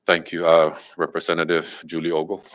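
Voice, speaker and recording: A man's voice: low-pitched, completely flat delivery, a little fast, fairly bright tone. A man acting as speaker of a legislature, formally recognizing members during a session. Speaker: speaker of the house, chairing.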